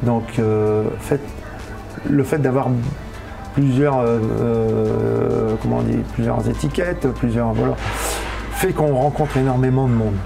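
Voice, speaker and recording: This fifty-something man runs a hotel and bar and talks informally in an interview, hesitating often as he searches for words. His mid-range voice is steady and creaky at a measured pace, over background music.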